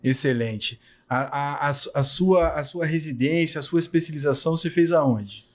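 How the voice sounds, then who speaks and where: A man's voice: fairly high pitch, moderate pace. A man hosting a podcast, greeting his guest courteously and asking questions. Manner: welcoming, courteous interviewer. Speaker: podcast host. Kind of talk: podcast interview.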